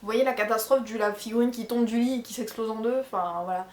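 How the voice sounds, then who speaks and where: A woman's voice: a little high, fast talker, a little mellow, reverberant. A young woman from France with a Charente accent, chatting casually to viewers, rambling with lots of fillers and self-corrections. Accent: French from the Charente region. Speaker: vlogger answering viewer questions. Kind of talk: casual chat. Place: bedroom at home.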